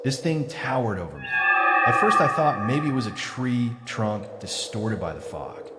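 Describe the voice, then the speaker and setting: A man narrates a scripted first-person horror story in a dramatic, suspenseful way with deliberate pauses. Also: mid-range voice, very animated, loud music behind the voice.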